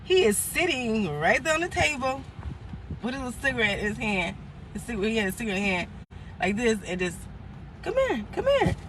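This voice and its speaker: A woman vlogger with a high, bright voice tells a personal story casually, rambling a little and restarting her sentences. She slips into the voices of the people she quotes as she goes. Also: fairly quick, a little hiss or hum. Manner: loose, rambling retelling with restarts and laughs, acting out quotes. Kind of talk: casual storytelling while eating.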